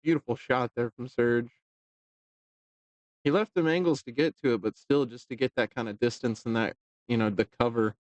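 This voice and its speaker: A man giving relaxed, joking live commentary on a pool match, talking loosely with fillers. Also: medium pitch, moderate pace, no echo, highs cut off.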